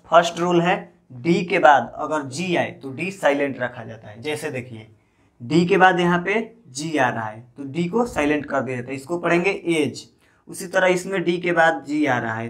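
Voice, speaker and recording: A man, speaking a little high for a man, talks viewers through an English spelling lesson. He goes over each rule more than once and spells words out letter by letter. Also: animated, moderate pace, fairly bright tone. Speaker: English teacher.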